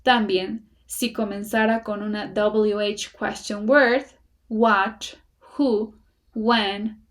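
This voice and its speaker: A woman teaching an English grammar lesson in Spanish, explaining step by step in a patient way and pronouncing the example sentences slowly and carefully. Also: mid-range voice, fairly even intonation.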